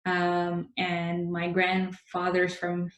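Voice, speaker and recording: A young woman from Indonesia talks into a laptop webcam at home. Her voice sits a little low, and she pauses often with soft fillers as she reflects. The room adds a noticeable echo. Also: completely flat delivery, lo-fi sound. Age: young adult. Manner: thoughtful, with frequent "um" and "uh" fillers. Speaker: business journalist. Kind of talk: personal reflection to camera. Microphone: laptop webcam, close framing.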